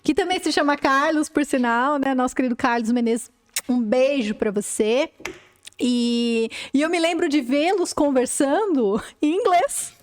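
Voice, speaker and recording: High-voiced Brazilian woman hosting. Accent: Brazilian Portuguese. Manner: lively, encouraging, sprinkles English words. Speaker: English teacher and podcast host. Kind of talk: conversational interview.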